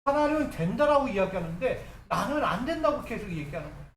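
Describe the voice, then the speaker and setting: A man's voice: extremely high pitch, big pitch swings, fast talker, a little hiss or hum. Man preaching in an echoey church. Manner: preaching with acted quotes of Moses. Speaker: pastor. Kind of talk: sermon. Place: church sanctuary. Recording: echoey church with faint ambience.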